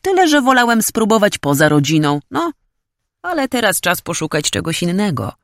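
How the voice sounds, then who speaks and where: A woman's voice: medium pitch, big pitch swings, normal speed, no room sound, clean studio sound, pitched above the performer's own voice. Woman doing a fed-up, laid-back young male student. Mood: offhand. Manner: casual, slangy, offhand. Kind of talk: audiobook character voice.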